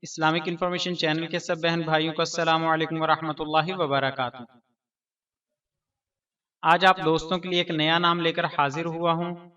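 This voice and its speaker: A man reads a scripted explainer for his channel, measured and careful, slowing down to spell out sounds. His voice is bright and a little high for a man. It sounds distant from the mic, on a dull, lo-fi recording. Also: level tone. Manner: measured, spells out pronunciation slowly. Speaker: channel host.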